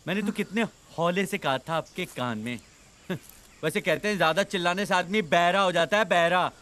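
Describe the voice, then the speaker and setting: An actor playing a cheerful, naive tax clerk stranded outdoors on an island, who rambles politely and talks on and on. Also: male voice, sits high, normal speed, fairly bright tone. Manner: talkative, polite, rambling, giggles. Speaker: simple-minded tax clerk.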